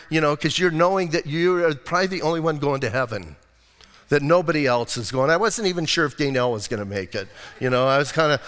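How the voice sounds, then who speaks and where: Older male pastor, emphatic and chatty sermon delivery, slightly high voice, long church echo. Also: a bit bright, clean tone. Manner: conversational, emphatic preaching with frequent asides. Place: church sanctuary.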